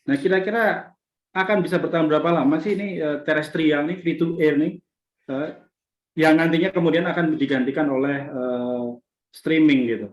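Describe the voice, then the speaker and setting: A man's voice: fairly high pitch, fairly even intonation, moderate pace. Man asking questions over a roomy, muffled call. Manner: conversational, hesitant fillers. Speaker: moderator. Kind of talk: webinar question.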